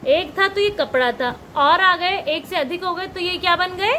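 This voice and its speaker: A woman's voice: very high voice, moderate pace, pushed and bright, slight background noise. A woman teaching a grammar lesson to young children, patiently asking and repeating questions and calling her pupils dear. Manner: patient, repetitive questioning, calls pupils beta. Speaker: primary school teacher.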